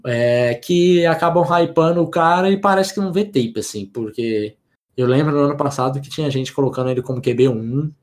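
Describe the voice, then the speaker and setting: Guy on a sports podcast, easygoing, lots of restarts, medium pitch. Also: a little fast. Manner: relaxed, rambling, with many restarts and fillers. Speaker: podcast co-host. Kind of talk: casual sports podcast analysis.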